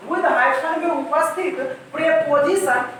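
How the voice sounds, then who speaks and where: Speaking slowly in a very high, somewhat bright voice, a male English teacher delivers a classroom-style grammar lesson, repeating points and asking questions he answers himself. It's recorded from a distance in a very echoey room with slight background noise.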